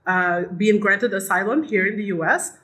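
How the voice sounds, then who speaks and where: Bright-voiced woman guest. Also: mid-range voice, normal speed. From Algeria. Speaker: guest, PhD student. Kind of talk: casual interview talk.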